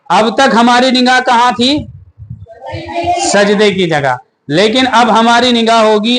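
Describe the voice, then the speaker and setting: A man teaches the steps of prayer. His voice sits high and he talks slowly and deliberately. He recites verses with long pauses between phrases. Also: a bit bright. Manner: asks questions and answers them himself, recites slowly with pauses. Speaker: religious teacher. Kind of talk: step-by-step prayer lesson.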